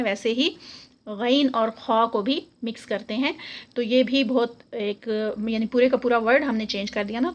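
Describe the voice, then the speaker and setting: A woman teaching an online Quran recitation lesson, patiently repeating each letter sound slowly. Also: a little high, highs cut off.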